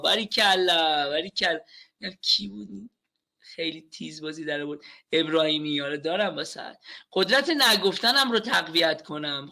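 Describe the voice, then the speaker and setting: A man in his thirties teaching a live webinar on communication skills, playful and animated as he speaks directly to his class. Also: sits high.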